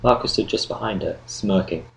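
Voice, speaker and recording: Male narrator, very low voice, gravelly, measured audiobook reading. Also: a little hiss or hum, low-quality recording. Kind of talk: scripted narration.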